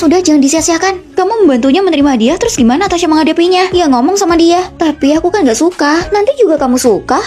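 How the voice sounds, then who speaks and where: A young woman dubbing several college dorm roommates in a short drama, trading quick, bickering lines and switching between characters. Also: sits high, darkish tone. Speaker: voice actor.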